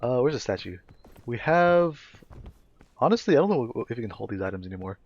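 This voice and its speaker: A man's voice: on the low side, big pitch swings, racing, a little mellow, breathy edge, muffled recording. A man casually commentating a video game live as a streamer, chatty and playful with his chat.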